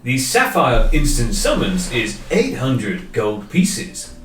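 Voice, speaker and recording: A man's voice: medium pitch, huge pitch swings, slow, fairly bright tone, echoey room, recorded from a distance, slight background noise, heavily acted. A man doing a stiff, literal magic tower. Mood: matter-of-fact. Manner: stiff, formal, literal phrasing. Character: formal, literal-minded talking magic tower.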